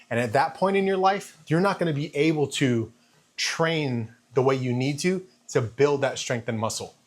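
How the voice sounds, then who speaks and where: Man, fifties, mid-pitched voice, casual vlogger, thinking aloud, repeats phrases, talking while on a treadmill. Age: 50s. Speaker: fitness vlogger. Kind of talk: casual vlog monologue.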